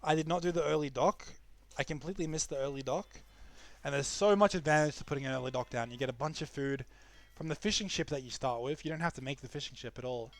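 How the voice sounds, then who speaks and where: A man's voice: fairly high pitch, quick pace. Chatty New game caster, man. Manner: chatty, frequent restarts and fillers. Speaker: esports caster. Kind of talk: live game commentary.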